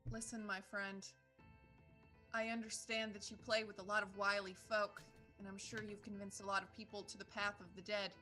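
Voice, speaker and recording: Woman doing a defiant rpg adventurer, formal wording, earnest, bright crisp-edged voice. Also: medium pitch, natural voice. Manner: formal, emphatic phrasing. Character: earnest, defiant living traveler pleading with death.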